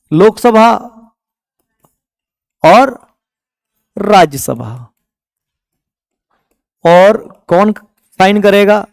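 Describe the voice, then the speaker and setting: High-voiced Indian tutor quizzing his class. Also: vocal fry, clean tone, no room sound, studio quality. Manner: asks the class questions and answers them himself, scolds a student. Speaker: teacher. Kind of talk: exam-prep lecture.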